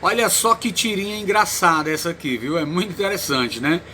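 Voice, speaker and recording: A man with a Cearense Brazilian accent teaching a Portuguese lesson, explaining slowly and checking in with "né?" after nearly every phrase. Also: sits high, sharp tone, a little hiss or hum. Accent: Ceará, Brazil. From Ceará, Brazil. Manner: explains slowly, tags lines with "né?", repeats words. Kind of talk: recorded online lesson.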